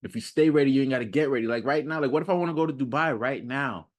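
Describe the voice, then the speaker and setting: In a medium-pitched voice at a racing pace, a man acting as a self-improvement coach motivates without a script. His delivery is forceful and relaxed, slang-heavy and repetitive.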